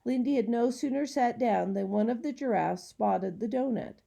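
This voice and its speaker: A woman narrating a children's storybook in a gentle, unhurried reading style. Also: a little high, gravelly. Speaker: audiobook reader.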